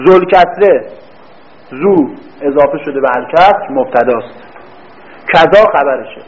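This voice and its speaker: A man teaching a grammar class who quizzes his students, answers his own questions, and drags words out slowly when he repeats them. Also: a little high, lively intonation. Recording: dull lo-fi recording.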